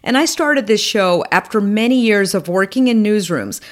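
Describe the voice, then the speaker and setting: A woman's voice: medium pitch, animated, moderate pace. A woman hosting a podcast, asking questions in a friendly, enthusiastic way. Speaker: podcast host. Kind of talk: podcast interview.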